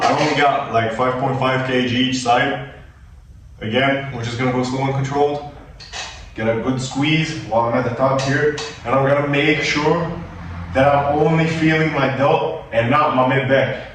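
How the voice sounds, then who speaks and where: A man's voice: medium pitch, slight background noise. Non-native man, loose American-leaning accent. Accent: American-leaning English of a non-native speaker. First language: not English. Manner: loose, filler-heavy, talks like a gym buddy. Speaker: fitness vlogger. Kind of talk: casual workout instruction. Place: gym. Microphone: camera on a tripod at a distance. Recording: very echoey gym, distant camera mic, faint ambience.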